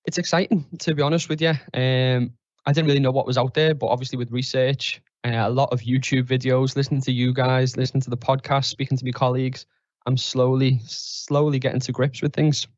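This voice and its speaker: A young man with a Liverpool accent talks easily about his new job and keeps his answers modest and candid. His voice sits at an ordinary pitch. The recording is dry and a little dull, as on a lo-fi podcast mic. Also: little pitch movement, fairly quick, a little mellow, dry recording. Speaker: guest, tech trainer. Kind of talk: casual interview answers. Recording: dry, slightly dull lo-fi sound.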